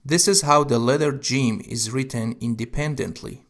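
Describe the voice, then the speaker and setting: A man's voice: mid-range voice, normal speed. A man teaching Arabic letters, explaining how to write each one step by step. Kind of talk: instructional narration.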